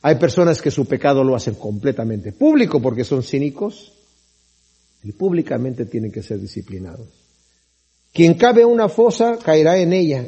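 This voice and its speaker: A man's voice: on the high side, mellow, husky. A middle-aged man preaching as a pastor, reading scripture aloud and explaining it conversationally, often asking "right?". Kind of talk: sermon.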